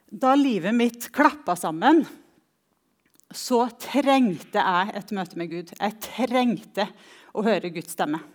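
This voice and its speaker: Earnest woman giving a slow testimony. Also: mid-range voice, animated. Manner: earnest, reflective, with slow emphatic pauses. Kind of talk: personal testimony talk.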